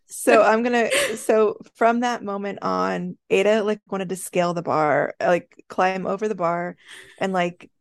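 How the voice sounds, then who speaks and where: A woman with a gravelly fry in her voice, chatting casually as a podcast co-host. She tells stories animatedly and laughs often, and the sound is dry and close to the mic. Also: medium pitch, fairly even intonation, unhurried, no room sound. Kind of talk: casual chat.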